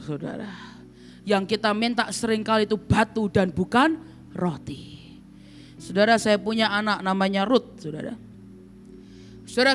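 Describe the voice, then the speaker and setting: A woman evangelist preaching a sermon in a church, telling a story and speaking directly to the congregation again and again. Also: medium pitch. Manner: animated, often addresses the congregation directly. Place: church hall. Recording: long hall reverb, faint music.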